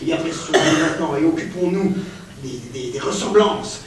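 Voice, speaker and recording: A crowd can be heard behind this stage play performance, in which a man plays a pedantic, grandiose professor who gets increasingly frenzied. His natural, rather high voice swings widely as he lectures pompously at a moderate, animated pace, declaiming and harping on "mademoiselle". The sound is distant, as if he's far from the mic in a very echoey theater.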